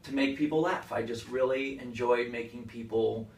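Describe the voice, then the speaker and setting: Speaking in a steady, mid-range voice, this man who performs onstage responds to an interviewer casually, keeping explanations simple and his delivery halting and conversational. The recording has him distant from the mic in a room full of echo.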